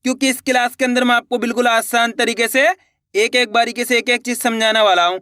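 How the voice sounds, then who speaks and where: High, bright-voiced male Hindi teacher. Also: flat delivery, fairly quick, clean tone, dry recording, clean studio sound. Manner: coaxing, repeats each sound and asks the viewer to answer; emphatic, promises guaranteed results. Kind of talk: classroom-style video lesson.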